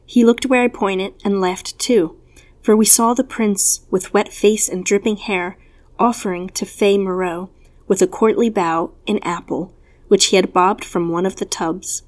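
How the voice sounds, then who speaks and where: A woman reads an old-fashioned story aloud in measured, even phrasing. Her voice sits in a middle pitch, steady and unhurried. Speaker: narrator. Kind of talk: storybook reading.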